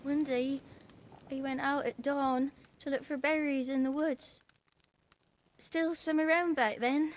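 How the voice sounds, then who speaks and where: A woman voicing a small orphaned village child in a video game, defiant yet frightened, with a British accent and halting rustic speech. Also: high-pitched, steady tone. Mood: haunted, distressed.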